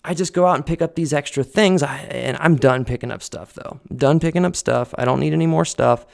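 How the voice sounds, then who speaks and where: This man's voice is a little high and a little fast, with vocal fry, and he speaks loudly. He's a vlogger at home, chatting personally to camera through a boom-arm desk condenser mic, earnest and rambling, full of fillers and false starts.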